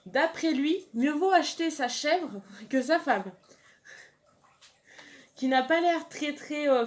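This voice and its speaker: A young woman chatting casually through odd online listings, amused and giving chatty asides. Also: on the high side. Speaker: YouTuber. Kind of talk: casual video commentary.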